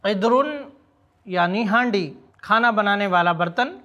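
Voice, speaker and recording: High, bright-voiced male Arabic teacher. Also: highs cut off. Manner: says each Arabic word slowly and repeats it, then explains its meaning. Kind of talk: vocabulary lesson in Urdu.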